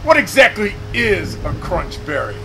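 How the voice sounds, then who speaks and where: An actor playing a bitter, war-haunted old sea captain with a melodramatic, halting delivery in a noir parody. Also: male voice, sits high, very animated, music in the background. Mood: embittered rant. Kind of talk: scripted film noir parody.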